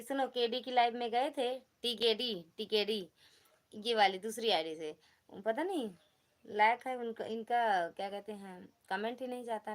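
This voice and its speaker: A woman with an Awadhi accent hosting a casual live stream, chattily greeting viewers by name and humming song snatches into a phone. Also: on the high side. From Uttar Pradesh, India.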